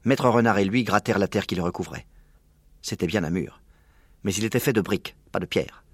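A man reading a children's storybook aloud in a calm, low-key narrating voice. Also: fairly quick, slightly rough, no echo, studio quality. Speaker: audiobook narrator.

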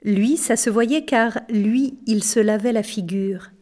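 A woman narrating a storybook aloud in a slow, measured way, lightly voicing the characters. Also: fairly high pitch, a little mellow. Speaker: audiobook narrator. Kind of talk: scripted narration.

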